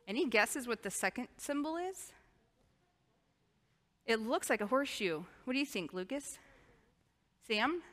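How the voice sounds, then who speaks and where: A woman's voice: on the high side, expressive, unhurried, long pauses, a bit bright. A woman pastor speaking sweetly and patiently to children, like a Sunday school teacher leading a children's sermon. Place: large reverberant church. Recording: reverberant church hall.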